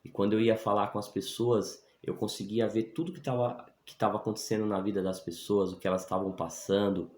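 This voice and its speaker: A man with a very low voice gives his conversion testimony as a pastor, speaking earnestly and with emphasis. He keeps checking in with his listeners with a quick "né?". His voice rings in an echoey room. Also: flat delivery, darkish tone. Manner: earnest, emphatic, often adds "né?" for assent.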